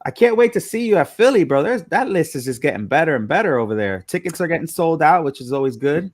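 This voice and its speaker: A man's voice: a little high, big pitch swings, fast, dry recording, studio quality. A man hosting a casual live-stream chat, upbeat, greeting guests and reading comments over a video call. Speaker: host.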